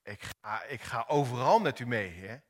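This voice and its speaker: A man's voice: medium pitch, lively intonation, normal speed, close to an everyday voice. A man voicing an impulsive male fisherman disciple who blusters and denies in a retold story from the pulpit. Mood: boastful. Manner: blustering denials, later broken.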